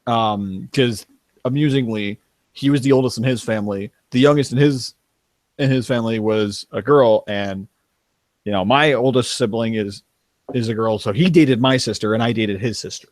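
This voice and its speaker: A man's voice: mid-range voice, moderate pace, dry recording. A young man with a mid-range voice talks as a podcast guest, rambling and often restarting his sentences. The sound is dry and close. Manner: rambling, self-interrupting, laughs. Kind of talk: casual chat.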